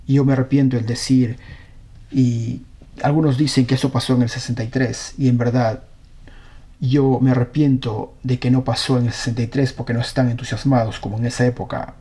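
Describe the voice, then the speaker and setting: A man's voice: medium pitch, little pitch movement, a little fast, dark tone. A man preaching a sermon, reading scripture aloud and earnestly questioning his congregation.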